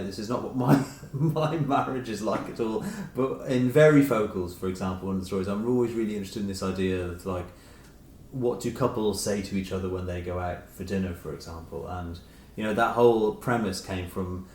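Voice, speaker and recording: Background noise is clear and the room echoes as a middle-aged author, interviewed, reflects tentatively and rephrases what he means. His voice is on the low side with a darkish tone.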